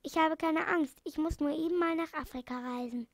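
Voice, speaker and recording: A woman reading a storybook aloud, voicing a kindly male animal doctor with a gentle, earnest manner. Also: high voice, normal speed, no echo.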